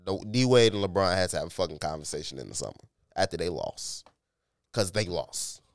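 A man's voice: deep voice, lively intonation, brisk, dry recording, studio quality. A man co-hosting a podcast, debating sports casually in profane, argumentative slang. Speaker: podcast co-host.

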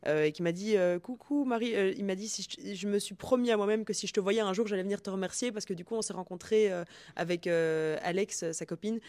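A young woman, a guest telling stories in a lively way, acting out quotes and often restarting sentences. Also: medium pitch, fast, dry recording. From Belgium. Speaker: guest, founder of a student dating group. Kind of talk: casual storytelling.

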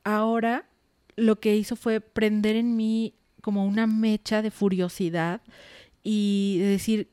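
A woman's voice: medium pitch, little pitch movement, a little slow, mellow, clear, resonant tone, no room sound. A woman, a podcast guest candidly telling a personal story with frank, mildly salty words. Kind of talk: casual podcast conversation.

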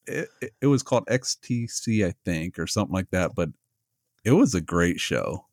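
A man's voice: low-pitched, lively intonation, moderate pace, a little mellow, no room sound, clean studio sound. A man co-hosting a casual podcast chat who tells stories with enthusiasm and laughs in the middle of his sentences. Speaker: podcast co-host.

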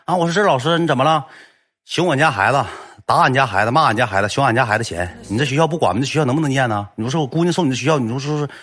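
A man voicing a gruff, angry middle-aged father in a Northeastern Chinese accent, scolding in a blustering way. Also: mid-range voice, rapid-fire, a bit bright, lightly acted. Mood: indignant.

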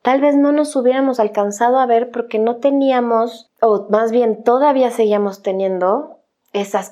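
Through lo-fi sound comes a fairly high-pitched, dark-toned voice of a woman with a Mexican accent. She recounts her life story in a frank, conversational manner, regularly adding "o sea" and "¿no?".

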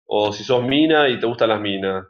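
A man with an Argentine accent, a guest in a casual interview, explaining his views in a reflective, measured way. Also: on the low side. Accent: Argentine Spanish. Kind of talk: casual conversation. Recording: dull lo-fi sound.

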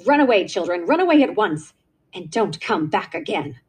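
A woman's voice: mid-range voice, very animated, moderate pace, slightly rough. A woman reading aloud, voicing a proud adult aunt who scolds in a cold, furious voice. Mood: cold fury. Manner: icy, scolding.

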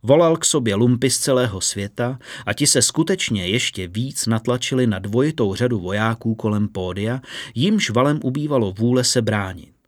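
A man's voice: mid-range voice, no echo, studio quality. Man reading a fantasy audiobook. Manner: steady, measured storytelling. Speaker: narrator. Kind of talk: scripted audiobook narration.

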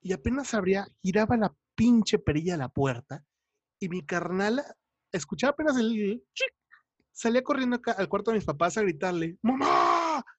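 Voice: medium pitch, animated, brisk, no echo, muffled recording. A speaker with a Mexican Spanish accent, telling crude, slangy anecdotes in a casual chat.

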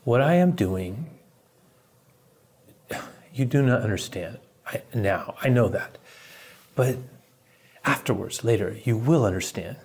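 A husky-voiced man voicing a calm, patient male teacher who speaks gently and reassuringly in a sermon retelling. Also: medium pitch, takes it slowly, pauses often, heavily acted.

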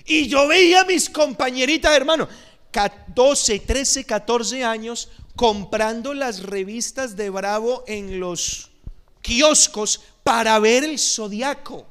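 High-voiced animated man preaching. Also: slow pace, clear, resonant tone. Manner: animated, acts out voices in anecdotes. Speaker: pastor. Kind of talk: sermon with storytelling. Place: church.

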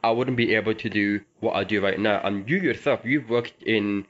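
A man's voice: fairly low pitch, moderate pace, fairly bright tone, muffled recording. A man hosting a casual interview podcast in a conversational way. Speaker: podcast host.

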